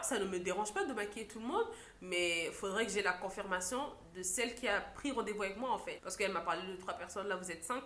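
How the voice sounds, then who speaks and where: A young woman, a makeup artist, telling a story in a lively vlog style and acting out what others said. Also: medium pitch. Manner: animated storytelling, acts out quotes. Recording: echoey room.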